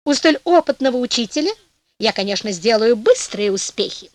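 A woman's voice: on the high side, lively intonation, moderate pace, dry recording, natural voice. Woman doing a cheeky, clever young man. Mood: wry. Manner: mock-modest, then commanding.

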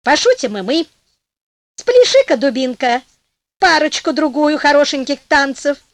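A woman's voice: high-pitched, lively intonation, unhurried, no room sound. A woman voicing a clever, cheeky young man in a storybook tale, mock-modest and then commanding.

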